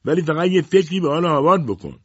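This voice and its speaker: A man's voice: lowish voice, expressive, a little mellow, husky, dry recording, voice pushed up. A man voicing a defiant, outspoken young woman who argues with her mother in a storybook reading. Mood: pleading. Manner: pleading, defiant. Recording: dull dry lo-fi audiobook recording.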